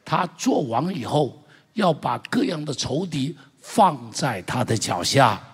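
Fervent husky-voiced male pastor preaching. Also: mid-range voice, very animated, unhurried. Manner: fervent preaching with loud exclamations, urging the congregation to repeat. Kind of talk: impassioned sermon. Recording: long church-hall reverb.

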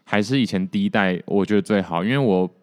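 A young man hosts a casual solo podcast, rambling and poking fun at himself. His voice sits very low and comes through smooth and resonant. The recording is dry and close, with no room sound. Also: fast, no echo. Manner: relaxed, rambling, self-deprecating. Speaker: podcast host.

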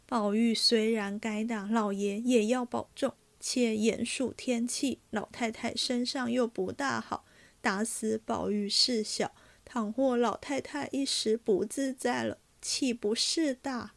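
A woman's voice: a little high, fairly even intonation, takes it slowly, gravelly, no echo. A woman voicing a weeping middle-aged mother who pleads tearfully for her son in a storybook reading. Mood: tearful pleading.

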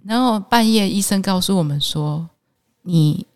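A woman, a Buddhist nun, telling her life story in an interview, animated and often laughing. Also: medium pitch, normal speed. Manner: emotional, animated retelling with laughs.

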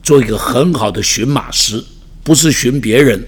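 A man who is a pastor, telling everyday stories in a devotional talk, animated and self-mocking. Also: mid-range voice, normal speed, husky.

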